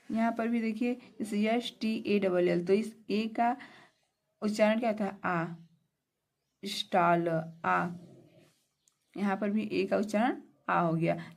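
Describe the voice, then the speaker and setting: Slow, deliberate woman teaching pronunciation. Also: medium pitch, gravelly. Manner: spells words letter by letter and repeats meanings; asks and answers her own questions. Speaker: English teacher. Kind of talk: slow classroom lesson on pronunciation.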